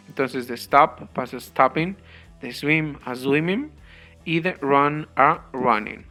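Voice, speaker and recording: A man explaining grammar rules step by step in a slow, careful teaching manner. His voice is bright and a bit high for a man, and soft guitar music plays in the background. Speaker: English teacher. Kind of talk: grammar lesson.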